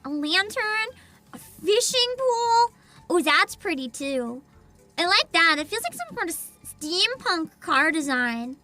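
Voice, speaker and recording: A woman livestreamer with a cute, bubbly, giggly anime-streamer manner, chatting and reacting excitedly and often repeating her phrases. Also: very high-pitched, measured pace, faint music behind.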